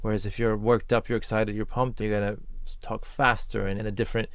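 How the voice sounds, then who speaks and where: A man's voice: fairly low pitch, flat delivery, quick pace, smooth, no echo. A man talking as a voice coach, giving an earnest and encouraging spoken lesson in short listed phrases.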